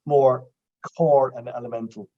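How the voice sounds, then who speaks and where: Animated Irish man telling stories. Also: medium pitch, unhurried, highs cut off. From Ireland. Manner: animated storytelling, quotes Irish phrases. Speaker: guest, writer. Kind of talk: casual interview talk.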